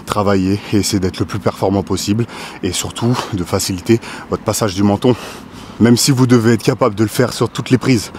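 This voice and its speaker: A man's voice: on the low side, darkish tone, slight background noise. A man explaining pull-up technique as a fitness coach, often checking in with the viewer and straining as he demonstrates. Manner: explanatory, repeats "d'accord", strains while demonstrating. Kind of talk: instructional fitness video.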